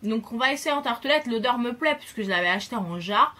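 A young woman vlogger chatting enthusiastically about her Christmas gifts, pausing often to find her words. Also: on the high side, animated, pushed and bright. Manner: chatty and enthusiastic, hesitant pauses. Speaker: beauty vlogger. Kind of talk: casual gift haul chat.

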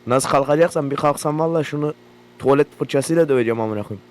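A man's voice: fairly high pitch, fast talker. A young man giving profane, jumpy commentary while playing a horror game, with a game hum behind him. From Turkey. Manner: profane, loud, jumpy reactions. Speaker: gaming YouTuber. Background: generator hum from the game.

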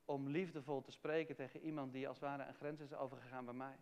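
A man's voice: medium pitch, little pitch movement, fast talker, a little mellow. A man preaching a sermon in a church, talking earnestly and candidly about his own life, often restarting his phrases. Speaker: pastor. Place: church hall. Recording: long reverb of a church hall.

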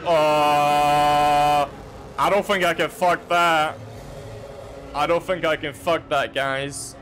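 A man streaming a video game, giving casual, crude commentary with goofy loud outbursts. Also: fairly high pitch, steady tone, slow pace, a little hiss or hum.

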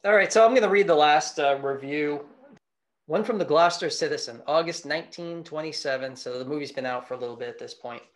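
A man's voice: on the high side, fast talker. A man co-hosting a podcast, talking about old films in a thoughtful, wandering way. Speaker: podcast co-host. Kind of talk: casual film discussion.

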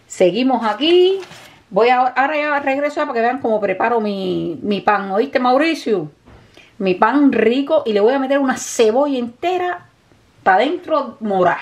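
Mujer cubana charlatana cocinando en casa. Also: female voice, on the high side, expressive, normal speed. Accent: Cuban Spanish. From Cuba. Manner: chatty, affectionate, addresses viewers as "mi gente". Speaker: cooking vlogger. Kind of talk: casual cooking vlog talk to viewers. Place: home kitchen. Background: dishes, pots and pans clattering.

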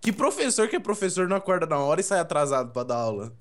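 A man's voice: on the high side, sing-song, rapid-fire. A man chatting over a game, stammering as he tells on a friend. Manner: stammering, tattling. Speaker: gaming friend. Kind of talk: casual gaming chat.

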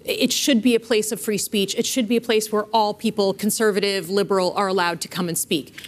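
A woman's voice: medium pitch, fairly even intonation, a little fast. A woman politician on a discussion panel, direct and assertive.

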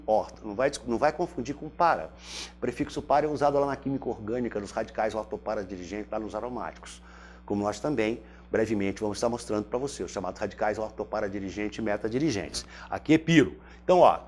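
A Brazilian man with a Brazilian Portuguese accent gives a chatty chemistry lecture in class, asking himself questions by name and saying each step aloud. His voice is fairly low, fast and darkish, his throat is briefly irritated, and there is slight background noise.

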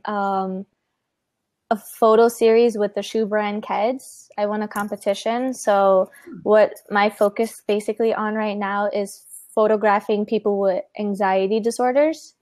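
A woman's voice: medium pitch, dry recording, clean studio sound. A young woman talking casually as a guest in a live-streamed discussion, with frequent filler words. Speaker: guest panelist. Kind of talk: casual chat.

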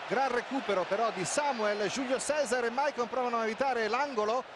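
A high-voiced male football commentator calls the action in urgent, clipped bursts that build toward excited goal calls. His voice rides over very loud stadium noise. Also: a little fast. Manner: urgent, clipped phrases, names players as play unfolds. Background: stadium crowd noise.

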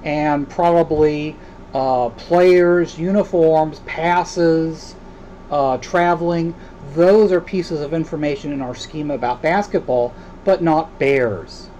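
A man delivers a recorded lecture in a slightly high, soft and mellow voice. He talks in a loose, unscripted way, pausing often with filler sounds as he works through each point. There is a faint hiss behind him. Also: fairly even intonation, poor audio. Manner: hesitant, many filler sounds.

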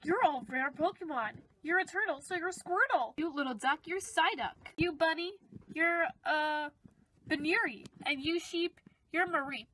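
A woman's voice: high voice, unhurried, a bit bright, a little hiss or hum, low-quality recording. A woman voicing a bossy, obsessive young zombie boy cat in a toy skit, insistent and commanding. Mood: possessive.

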